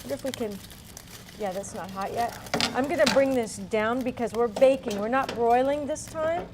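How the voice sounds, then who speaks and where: A chatty woman with a fairly high voice hosts a casual cooking demo. She narrates each step and drops in folksy asides. A faint ambient noise sits behind her. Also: normal speed. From Cape Cod, also grew up partly in Berlin in a US military family. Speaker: cooking show host. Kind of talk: casual cooking demonstration chat. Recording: noticeable background room noise.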